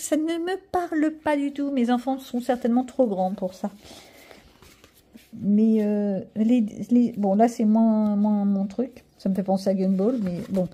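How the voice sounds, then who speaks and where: A woman's voice: fairly high pitch, mellow. A middle-aged woman chatting casually to her viewers as she shows off a haul, rambling with self-mocking asides. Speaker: vlogger showing a coloring-book haul. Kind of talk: casual chat to camera.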